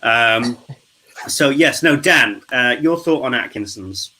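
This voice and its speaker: A man's voice: medium pitch, lively intonation, takes it slowly, pushed and bright, a little hiss or hum, low-quality recording. Male host, jokey, chatty, on a video call. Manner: joking, chatty, teasing the guests. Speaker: host of a charity live stream. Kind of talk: casual group chat.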